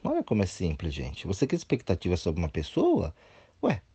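A man's voice: deep voice, huge pitch swings, brisk, dark tone, breathy edge. A man, a therapist, giving a blunt motivational talk and mocking whiny voices of others.

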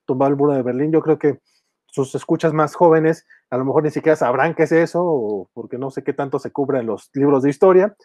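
A man's voice: a little high, fairly quick, warm tone, no echo. A Mexican man on a podcast, casually retelling a comic story in a rambling way, full of restarts, fillers and chuckles.

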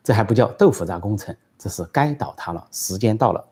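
A man's voice: lowish voice, lively intonation, brisk, darkish tone, husky. A male channel host telling a joke and then answering viewer questions, with frequent hesitation fillers. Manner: plain storyteller, frequent fillers. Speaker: political commentary host.

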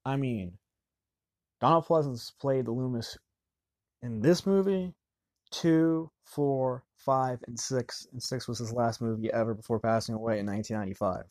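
A man's voice: mid-range voice, no room sound. Rambling man in a dry room. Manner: rambling, halting, restarts mid-sentence. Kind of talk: casual film commentary.

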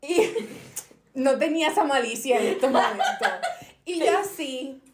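A woman's voice: high-pitched, measured pace, echoey room, a little hiss or hum. A woman with a Puerto Rican accent, co-hosting a casual chat and telling stories with acted-out quotes. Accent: Puerto Rican Spanish. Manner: animated storyteller, acts out quotes. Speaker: podcast co-host.

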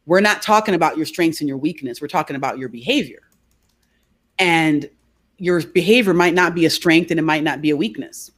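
A woman speaking as a guest in an interview, a behavior coach who explains her ideas through lively stories and keeps asking "right?". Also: low voice, fairly quick. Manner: animated storyteller, frequent "right?". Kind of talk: conversational interview.

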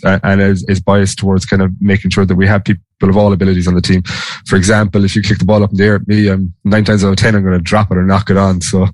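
Irish guy with west of ireland accent, deep voice, kinda rambly interview chat, not much up and down. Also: dry recording. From Galway, west of Ireland. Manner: informal, hesitant, rambling explanations. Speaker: interview guest, sports organisation director. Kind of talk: conversational interview.

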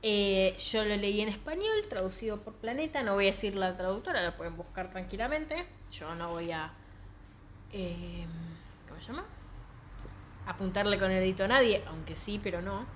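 A woman's voice: medium pitch, normal speed, a little hiss or hum. A woman with a Rioplatense Spanish accent co-hosting a podcast, chatting casually and sarcastically about books. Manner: sarcastic, animated, reads passages aloud mockingly. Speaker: podcast co-host. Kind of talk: casual book-review chat.

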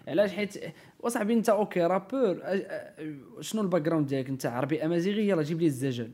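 A man's voice: fairly high pitch, animated, rapid-fire, darkish tone. A man with a Moroccan Arabic accent in casual podcast conversation, opinionated and emphatic, mixing in French and English words and often checking that his listener follows.

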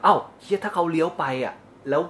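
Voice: mid-range voice, fast, fairly bright tone. Mid voice, casual chat, long explanations, light noise behind. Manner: thoughtful, explains at length, swears casually.

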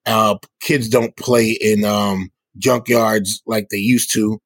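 A middle-aged hip hop musician from the South Bronx, New York City, answers a guest interview in a lowish, husky voice with flat delivery at a slow pace. There's no room sound, and he explains things earnestly and conversationally.

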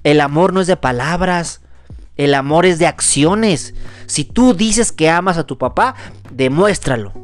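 A man delivers an earnest, preachy motivational talk as a podcast host. His voice sits high for a man, and soft music plays faintly beneath it. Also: expressive, a little slow. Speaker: podcast host giving a reflection. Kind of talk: motivational monologue.

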